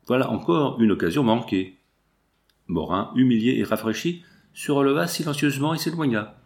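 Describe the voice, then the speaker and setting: An audiobook narrator with a lowish male voice reads a classic novel, keeping his storytelling measured and even.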